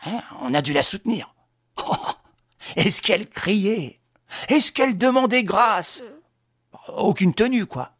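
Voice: mid-range voice, big pitch swings, a little slow, pauses often, husky, dry recording, clean studio sound, full character voice. A reader voicing a young officer who talks to his prisoner in a mock-friendly, sarcastic tone. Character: mocking young French officer, coldly ironic.

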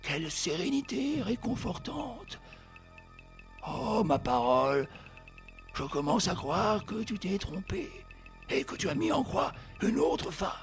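A man's voice: high-pitched, sing-song, slow, creaky, soft background music, heavily acted. A man playing a gleeful, taunting old male druid in a radio play, stammering and cackling as he mocks his foe. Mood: mocking. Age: older. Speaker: radio drama actor. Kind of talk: theatrical radio play acting.

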